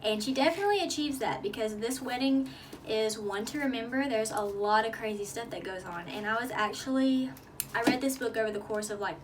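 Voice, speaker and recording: A young woman talks through a book review in a breezy, filler-laden vlog style, slightly short of breath. Her voice sits a little high and lands from a short distance off the mic. Faint room ambience hums behind her. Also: slight background noise. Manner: chatty, filler-heavy, upbeat. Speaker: book vlogger.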